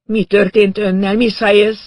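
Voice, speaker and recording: A man's voice: a little high, dry recording. A man voicing an alarmed man with a goatee who asks urgent, anxious questions.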